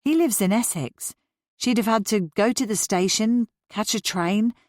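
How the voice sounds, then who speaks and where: A woman's voice: mid-range voice, unhurried, darkish tone, dry recording, clean studio sound, voice pushed up, natural voice. A woman reading the part of another teenager's mother who chats in a soothing, reassuring way. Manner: soothing, chatty. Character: reassuring mother of a teen girl, chatty.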